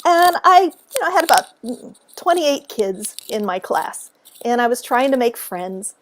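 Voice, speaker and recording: A woman with a slightly high voice recounts a childhood memory to the camera at home. She is animated and often laughs, and she acts out the voices in her tale. A faint hiss runs underneath. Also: a little slow. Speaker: author and speaker. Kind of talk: casual storytelling to camera.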